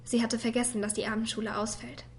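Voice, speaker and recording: A woman voicing a quiet, hurt young girl who reads a letter to her father in a soft voice that sometimes drops to a whisper. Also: on the high side, little pitch movement, fast talker, lightly acted. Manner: soft and subdued, at times whispered. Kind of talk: voice-over reading of a letter.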